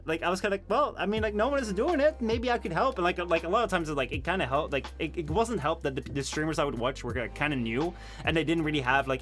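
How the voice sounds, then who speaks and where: A tired young Dutch native speaker from the Netherlands, with a slightly high, somewhat bright voice, chats casually with his live-stream chat. He rambles, laughs often, and fills his speech with fillers and restarts.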